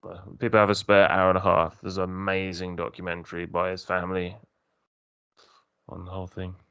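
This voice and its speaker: A man co-hosting a podcast, retelling stories in a relaxed way with hesitant restarts. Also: low-pitched, fairly quick, smooth, no echo. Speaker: podcast co-host. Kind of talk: casual podcast discussion. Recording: dull lo-fi dry recording.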